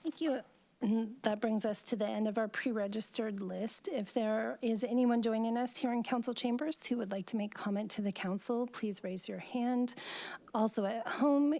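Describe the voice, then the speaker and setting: A woman's voice: on the high side, gravelly, dark tone. An American woman chairing a meeting, giving polite, orderly procedural announcements.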